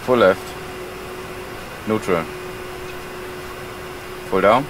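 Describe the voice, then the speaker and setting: A man's voice: fairly low pitch, very slow. A German-accented man, an airline pilot whose first language is German, giving terse, procedural callouts over cockpit headset intercom audio. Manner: terse, procedural, matter-of-fact. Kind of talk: clipped cockpit callouts and radio calls. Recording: distant headset audio over engine noise.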